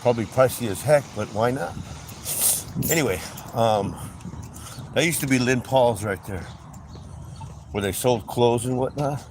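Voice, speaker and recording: A man's voice: mid-range voice, unhurried, long pauses. Chatty middle-aged man livestreaming from a car. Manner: rambling, chatty, with frequent "anyway" and "um". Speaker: livestream host. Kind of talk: casual storytelling while driving. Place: in a car on city streets. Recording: street traffic noise. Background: traffic and city ambience.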